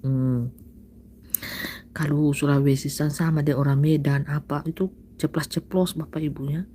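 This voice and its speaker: A woman preaching casually on a live stream, with soft, drawn-out speech, whispered asides and frequent chuckles. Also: low voice, steady tone, a little hiss or hum. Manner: addresses listeners as "saudaraku" and "Bapak Ibu". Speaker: self-styled prophet on a live stream.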